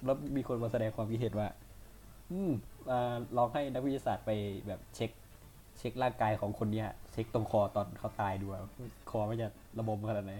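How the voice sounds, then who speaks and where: A man's voice: fairly low pitch, fairly even intonation, a little fast, warm tone, slight background noise. A man chatting casually with friends, rambling and restarting with crude slang. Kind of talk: casual chat among friends.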